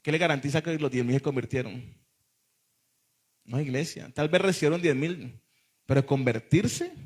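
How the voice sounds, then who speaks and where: A man's voice: medium pitch, darkish tone. A man, a pastor preaching a sermon to a congregation in church, emphatic and often calling out to the listeners.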